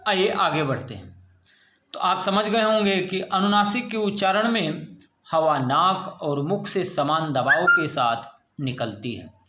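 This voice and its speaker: Man, teacher, high voice, slow careful delivery, echoey room, drilling questions. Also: lively intonation, sharp tone, a little hiss or hum. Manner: slow, drawn-out words with question-and-answer drilling. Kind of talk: online grammar lesson.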